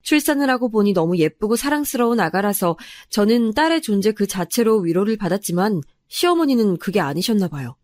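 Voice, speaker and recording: A woman narrates a first-person story in a soft, confiding way. Her voice sits at a middle pitch. The sound is dry and close, with no room echo. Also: lively intonation, brisk, hardly any pauses.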